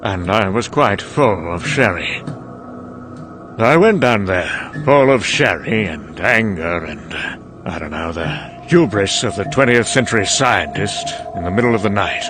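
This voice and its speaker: A man plays a weary, sherry-soaked older scientist in a dramatic monologue, rambling conversationally and hesitantly in a wry, confessional way. His fairly low voice is animated and unhurried, set over music with clearly noisy background ambience.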